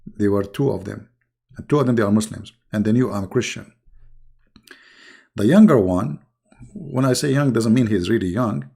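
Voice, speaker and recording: A gravel-voiced man who comments on religion online rambles through a mocking, casual monologue full of taunts and insults. He's hoarse and losing his voice, which sits on the low side and sounds mellow, and he keeps a normal speed broken by long pauses.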